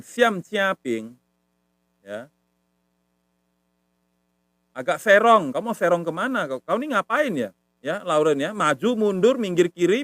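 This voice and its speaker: A man's voice: fairly high pitch, fairly bright tone, dry recording. A man giving a casual live-stream language lesson, patient and repetitive, tagging nearly every phrase with a short filler. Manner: repetitive, patient, says "ya" often. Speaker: language teacher.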